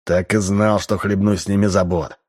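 A man voicing a gruff, stern rural constable who barks orders. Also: fairly low pitch, little pitch movement, normal speed. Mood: weary grumbling. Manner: barking, stern.

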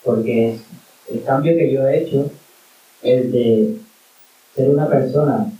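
Speaking unhurriedly at a medium pitch, this Colombian migrant activist makes an impassioned, argumentative case as a panel speaker, leaning on "o sea" and "en plan." The sound is lo-fi, captured far from the mic in a spacious hall with light hiss.

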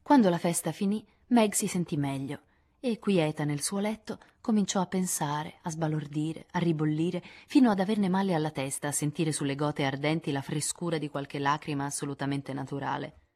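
A woman reading a classic novel aloud in a measured, expressive audiobook narration. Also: sits low. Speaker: audiobook reader. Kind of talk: scripted narration.

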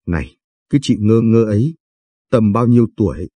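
Emotional landlady sister read by a man, low husky voice, dry close sound. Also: expressive, moderate pace, dark tone, no echo. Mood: anxious. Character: anxious grieving younger sister, a landlady.

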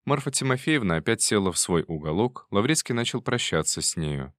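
A man narrating a classic novel in a measured, even manner. His voice sits low. The recording is dry and close, with no room sound. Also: no room sound. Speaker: audiobook reader. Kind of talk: scripted literary narration.

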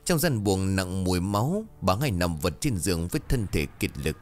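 A man narrating a horror story in a dramatic, lively storytelling manner. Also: low-pitched, normal speed.

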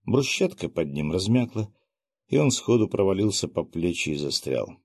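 Low-voiced male audiobook narrator. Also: very animated, normal speed, gravelly, a little mellow, slightly rough, no room sound, studio quality. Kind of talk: scripted fantasy audiobook narration.

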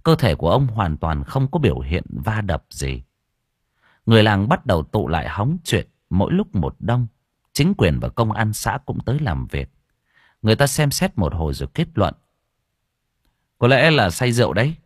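A man narrating an audio story with expressive storytelling on a close mic. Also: on the low side, normal speed, slightly rough, no room sound.

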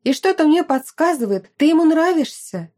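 A woman voicing a lively, outspoken young woman, a caring and protective friend, who talks emphatically and at length. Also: high-pitched, moderate pace, voice pushed up. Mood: enthusiastic. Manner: emphatic, talkative. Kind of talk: audiobook character voice.

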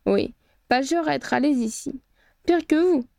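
A woman's voice: high-pitched, measured pace, gravelly, dark tone, no room sound, clean studio sound. A woman voicing a cunning, menacing female harpy clan leader in a storybook reading, speaking in clipped, hissing tones. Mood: blunt.

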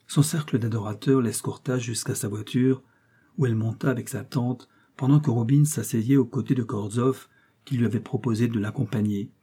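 A man narrating a classic novel as an audiobook, in a measured literary reading. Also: mid-range voice, fairly even intonation, warm tone, husky.

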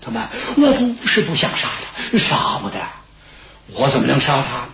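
A man's voice: medium pitch, wildly swooping pitch, moderate pace, gravelly, reverberant, noisy background, voice pushed down. A male storyteller voicing a blustering, angry older enemy marshal who bellows indignantly. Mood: stern.

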